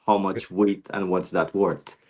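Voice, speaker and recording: A Guyanese man in his forties, with a low, steady, slightly mellow voice, speaks unhurriedly as a podcast guest in a casual interview chat. He is reflective, with many restarts and fillers.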